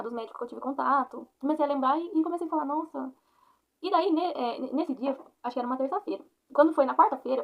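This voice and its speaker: A Brazilian woman in her twenties giving an earnest, rambling personal faith testimony on her own channel, often tagging her sentences with quick questions. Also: high-pitched, vocal fry, muffled recording. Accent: Brazilian Portuguese. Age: 20s. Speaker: vlogger.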